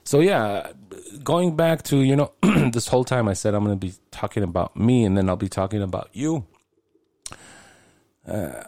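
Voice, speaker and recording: A man's voice: fairly low pitch, darkish tone, no echo, clean studio sound. A man in his late forties hosting his own podcast, talking alone in a rambling, casual way and swearing freely. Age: 40s. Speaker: podcast host. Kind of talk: casual solo podcast monologue.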